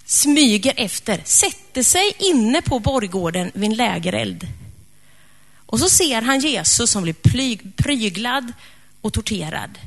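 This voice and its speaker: A woman preacher retelling a story in a lively, conversational sermon. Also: a little high, gravelly.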